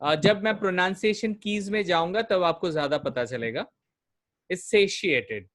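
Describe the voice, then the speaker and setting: A man teaching vocabulary in an online class, drilling pronunciation by repeating words slowly. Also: sits high, animated. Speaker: communication coach.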